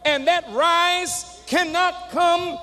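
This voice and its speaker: High, slow-preaching male minister. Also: steady tone, soft background music. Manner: emphatic preaching with drawn-out phrases, rising to shouts; addresses the congregation directly. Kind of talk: sermon. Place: large hall before a congregation. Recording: long reverb of a large hall.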